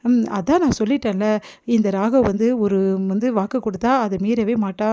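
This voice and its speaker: A woman voicing a young man who firmly reassures and comforts a crying bride, in a quick retelling. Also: medium pitch, mellow, lo-fi sound, close to an everyday voice. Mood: reassuring. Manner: firm, reassuring.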